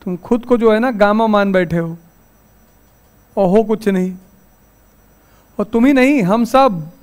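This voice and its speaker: A man's voice: high-pitched, takes it slowly, clean tone. A man teaches a class, spinning everyday stories as he goes. He turns firm and strict when he lays down his rules for the room. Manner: storytelling, lively and anecdotal; stern about class rules.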